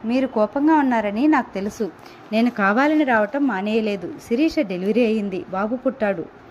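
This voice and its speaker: A woman voicing a gentle, apologetic married man who talks in a soft, coaxing, pleading way, in a story reading. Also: fairly high pitch, normal speed, highs cut off, slight background noise, close to an everyday voice.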